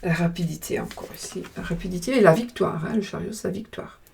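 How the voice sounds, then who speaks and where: A woman's voice: lowish voice, fast, gravelly, darkish tone, slight background noise. A woman with a regional French accent reading tarot cards in a casual vlog, talking hesitantly while chewing gum. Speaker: tarot card reader.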